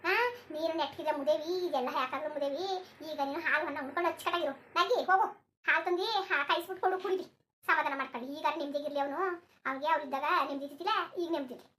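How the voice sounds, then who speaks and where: A woman voicing a sharp-tongued old village grandmother in a cartoon, scolding and cursing without pause. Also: high-pitched, steady tone, slight background noise.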